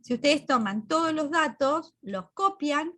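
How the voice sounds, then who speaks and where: Woman teacher, on a computer mic, fairly high voice, explains patiently and keeps asking if the class follows. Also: animated, measured pace, pushed and bright. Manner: explains step by step, checks in with students. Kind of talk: recorded class walkthrough.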